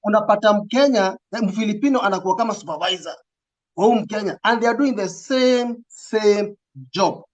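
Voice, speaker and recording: His voice sits high and his pace is moderate as the recruitment agency representative, a Kenyan-accented man, responds in an interview. The talk is casual and code-switching, and he stresses points earnestly by repeating phrases.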